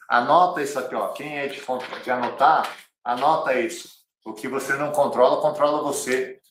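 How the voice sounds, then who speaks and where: A man with a Brazilian Portuguese accent teaching an online cycling lesson, direct and repeating key phrases like a coach. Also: mid-range voice. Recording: roomy, slightly distant mic.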